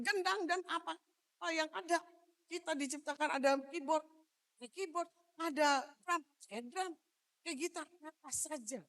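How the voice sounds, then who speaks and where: A woman pastor from Manado giving a loud, animated sermon, joking with the congregation and moving about as she preaches. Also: high-pitched. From Manado, Indonesia. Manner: jokes with the congregation. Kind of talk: lively sermon.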